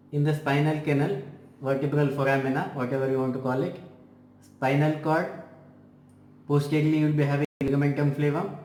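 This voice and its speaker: A man with a fairly high voice lectures on anatomy, repeating himself and restarting phrases as he explains each point. His voice rings in an echoey room with a faint hum behind. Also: a little mellow. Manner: slow, repetitive explaining with frequent restarts. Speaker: physiotherapy teacher.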